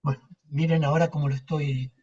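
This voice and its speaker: Casting: man, loose rambling storyteller, husky voice, distant muffled mic. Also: fairly high pitch, little pitch movement, fairly quick, mellow. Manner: rambling, searches for words, anecdotal. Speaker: lecturer. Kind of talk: casual chat with a group.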